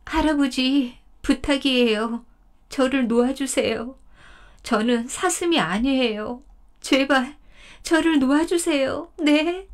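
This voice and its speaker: A woman voicing a young fairy maiden trapped in deer form, who pleads in a high storybook voice. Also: slow pace. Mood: pleading.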